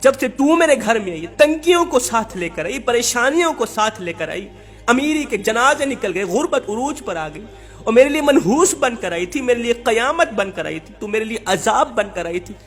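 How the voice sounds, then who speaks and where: A man's voice: high voice, lively intonation, moderate pace, a bit bright. A man playing an angry husband scolding his wife. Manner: scolding, repetitive insults.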